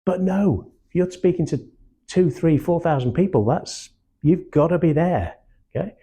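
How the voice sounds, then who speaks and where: An older man from Manchester with a hard-to-place English accent, giving a blunt, animated sales training talk to a small group and slipping into acted-out quotes. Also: a little high, normal speed, husky. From Manchester, England. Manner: blunt and animated, acts out quotes, swears casually.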